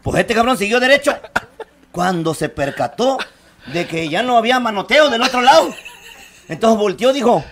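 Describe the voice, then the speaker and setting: A man's voice: very high-pitched, animated, normal speed, fairly bright tone. A man with a Mexican accent telling a vulgar joke on a radio comedy show. He keeps laughing at his own punchlines and swears constantly.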